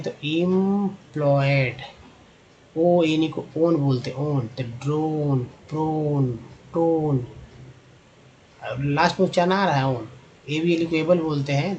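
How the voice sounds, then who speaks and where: A man teaching English spelling patterns in a slow, repetitive lesson, drawing out each word to demonstrate its sound. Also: a little high, a little mellow, lo-fi sound. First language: Hindi.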